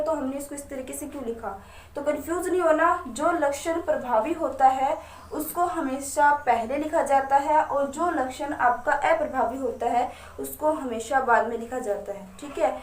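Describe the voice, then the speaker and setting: A woman science teacher talking directly to her students at a writing board, asking herself questions and answering them step by step. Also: high-pitched. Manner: talks straight to students. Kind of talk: whiteboard lesson. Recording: echoey room, mic at a distance.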